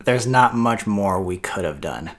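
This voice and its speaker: A man in his early twenties from Kansas co-hosts a podcast, speaking with an American accent in a casual, informal way and saying "like" often. His voice is lowish and fairly bright, with lively intonation at a measured pace.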